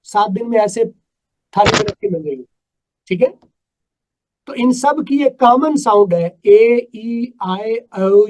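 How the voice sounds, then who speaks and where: High-voiced man teaching English. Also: a little mellow, rough recording. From Pakistan. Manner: emphatic, quizzes students with repeated "right?". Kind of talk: live online class. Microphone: video call.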